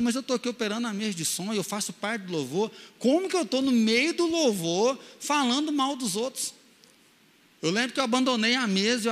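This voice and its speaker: High, bright-voiced man preaching a sermon. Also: long reverb tail. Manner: emotional storytelling, shifting from loud to hushed. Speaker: pastor.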